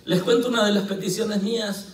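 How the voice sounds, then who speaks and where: Impassioned pastor preaching in an echoey church. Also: male voice, high voice, fairly even intonation, a little fast. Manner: swings from shouting to hushed, near-whispered pleading. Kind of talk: sermon. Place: church sanctuary. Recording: echoey church hall from far off.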